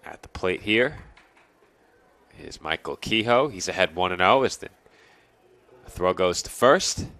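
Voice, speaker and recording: Congested baseball announcer, bright voice. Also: male voice, animated, measured pace, long pauses. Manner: chatty, joking banter between pitches. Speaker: play-by-play announcer. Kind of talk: baseball play-by-play commentary.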